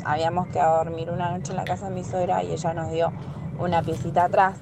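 A woman's voice: fairly low pitch, level tone, quick pace, gravelly. A young woman with an Argentine accent calling in, telling an embarrassing story in a chatty, giggly way. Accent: Argentine Spanish. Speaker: caller. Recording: noisy line with traffic behind.

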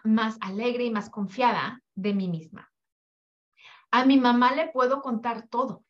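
High-voiced woman coaching mothers. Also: fairly bright tone. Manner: preachy, rhetorical questions, acts out quoted lines. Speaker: podcast host and parenting coach. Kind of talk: motivational monologue. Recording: dull lo-fi podcast audio.

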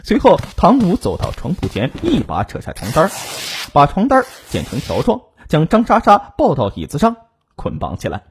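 A man's voice: fairly high pitch, huge pitch swings, moderate pace, slight background noise. A man narrating a true crime story with dramatic delivery. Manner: dramatic, rising and falling delivery.

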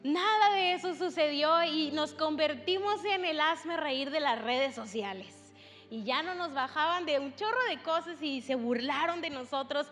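A woman's voice: high voice, a bit bright. A young woman preaching a sermon in a church, telling a story in a chatty way with many fillers. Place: church hall. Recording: long hall reverb with faint music.

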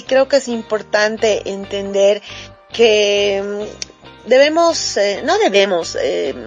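A woman guest on a talk panel explains her ideas in a measured, thoughtful way. Her voice sits at a middle pitch. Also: muffled recording.

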